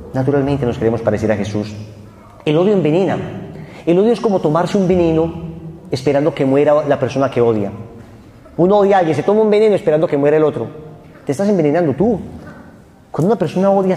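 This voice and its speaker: A man with a Colombian Spanish accent preaching a sermon, telling a story and acting out voices. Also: a little high. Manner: animated storytelling, acts out voices. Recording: echoey hall with faint ambience.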